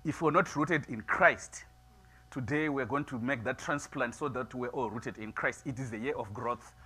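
A middle-aged man preaching a sermon in a small church, moving from quiet musing to loud, emphatic preaching. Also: medium pitch, normal speed, breathy edge. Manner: builds from soft musing to loud preaching, gestures widely. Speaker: pastor. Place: small church sanctuary, seated before altar flowers.

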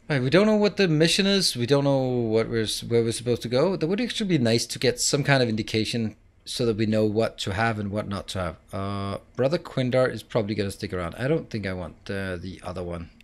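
A man's voice: fairly low pitch, animated, fairly quick. A man giving casual let's play commentary, thinking aloud and muttering as he plays. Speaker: gamer.

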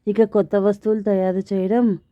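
A woman narrates a comic family story in the first person, wry and expressive. Her voice sits in a middle pitch. The sound is thin and phone-like, with no room echo. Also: moderate pace. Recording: tinny phone-like, dry.

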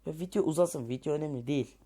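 A man's voice: a little high, quick pace, warm tone. A man giving let's play commentary, thinking aloud as he builds and grumbling and cursing at the game in frustration. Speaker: gamer.

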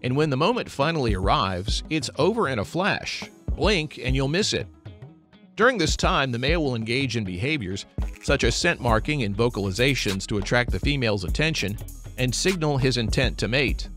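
A man's voice: medium pitch, lively intonation, normal speed, a bit bright. A man narrating a scripted nature documentary. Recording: music behind the voice. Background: background music.

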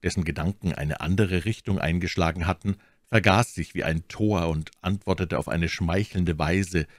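A man's voice: low-pitched, dry recording, clean studio sound. A man reading a classic novel aloud as an audiobook narrator, telling it expressively and voicing each character.

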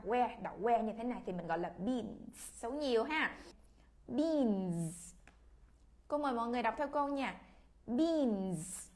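A woman with a Vietnamese accent leads a children's English class, her voice pitched high. She speaks patiently and repeats each word so the children can read along after her. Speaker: English teacher.

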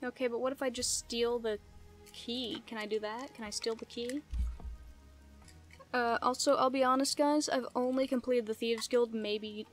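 A woman's voice: a little high, steady tone, moderate pace. A young woman giving casual, chatty, playful commentary as she plays a video game. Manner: playful, chatty, giggly asides. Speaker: gamer, let's play host. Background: game music.

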